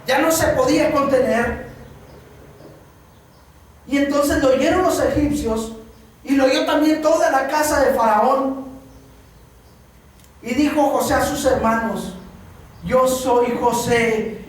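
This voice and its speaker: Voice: sits high, measured pace, pauses often. A preacher with a Mexican Spanish accent giving a sermon in a church hall, speaking in a repetitive, emphatic cadence. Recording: very echoey hall, mic far off.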